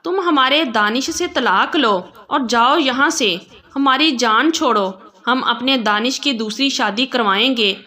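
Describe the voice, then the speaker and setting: A bitter older mother-in-law scolds harshly, voiced by a woman narrator. Her tone is bright and sharp, fairly high. It is a read-aloud story.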